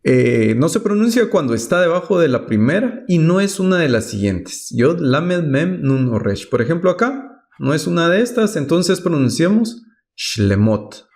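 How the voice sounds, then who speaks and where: A man's voice: a little high, big pitch swings, moderate pace, a little mellow. A man teaching Hebrew pronunciation rules, patiently reading each example word and then translating it.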